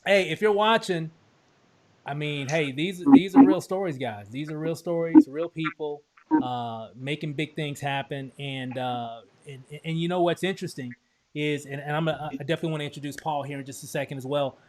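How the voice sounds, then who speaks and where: A man's voice: fairly high pitch, normal speed, a little mellow. A man from Texas hosting a casual promotional chat over a video call, upbeat and full of restarts and fillers. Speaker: host.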